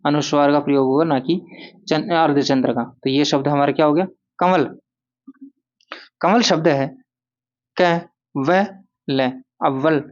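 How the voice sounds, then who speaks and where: A man's voice: fairly high pitch, fairly even intonation, moderate pace, muffled recording. A male Hindi grammar teacher giving a lesson, who repeats key words and asks and answers his own questions. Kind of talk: classroom-style grammar lesson.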